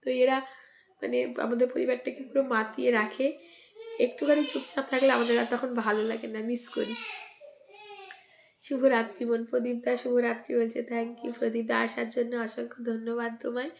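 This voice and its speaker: Female live-stream host, croaky from a cold, slightly high pitch. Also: level tone, fairly quick, slight background noise. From West Bengal, India. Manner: greets and thanks commenters by name, asks for mentions. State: sore throat and cold, coughing. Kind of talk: casual live-stream chat with viewers.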